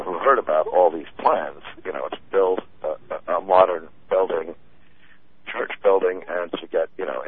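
A deep, husky-voiced man from the United States, who grew up speaking German, chats casually as a guest, rambling with many fillers and laughs. The recording has a tinny phone-line sound.

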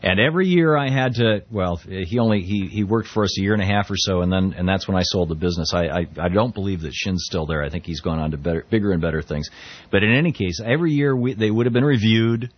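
Here a middle-aged US talk show host speaks quickly in a low register, delivering chatty political commentary with frequent restarts and passages he reads aloud. The audio is dull and free of echo.

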